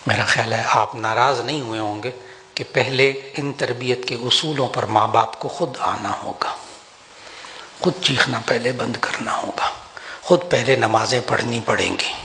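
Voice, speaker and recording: Older man, sermon delivery, animated emphasis, long hall reverb, faint background noise. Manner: animated, rises in pitch for emphasis, slows for Quranic prayers. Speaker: religious scholar giving a talk. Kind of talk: Urdu sermon to an audience. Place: large hall with an audience.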